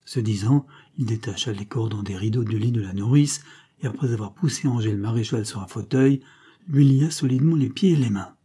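A man's voice: mid-range voice, brisk, mellow, breathy edge. A man narrating an audiobook as a dramatic scripted reading.

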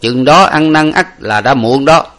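A man voicing a priest who gives a slow, solemn warning. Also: mid-range voice, animated, a bit bright, pitched above the performer's own voice. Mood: grave. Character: old male priest, grave warning.

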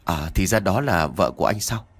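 A man doing a grave low-voiced police officer. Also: lively intonation, husky, heavily acted. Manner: low and measured.

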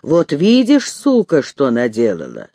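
Man doing a gruff, spiteful village husband. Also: medium pitch, wildly swooping pitch, measured pace, dark tone, no room sound, voice pushed down, exaggerated voice. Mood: menacing. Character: coarse, menacing village husband, middle-aged, crudely caring.

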